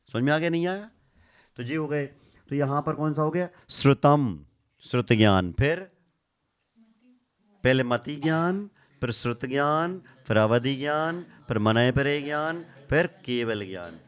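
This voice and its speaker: A man leads a scripture class, mid-pitched and recorded dry and close. He repeats each list slowly, quizzes his listeners and gets them to recite with him. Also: no room sound. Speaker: Jain monk teaching scripture.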